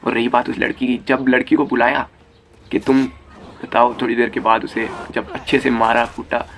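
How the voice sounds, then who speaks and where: A man's voice: medium pitch, flat delivery, normal speed, a bit bright, a little hiss or hum. A young man giving a heated, crude commentary rant as a YouTube commentator, swearing freely. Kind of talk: ranting commentary.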